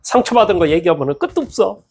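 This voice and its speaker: A male pastor preaching a sermon in a church, animated and acting out the voices of people he quotes. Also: sits high, fast talker. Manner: animated, acts out quoted speech with lively swings in tone.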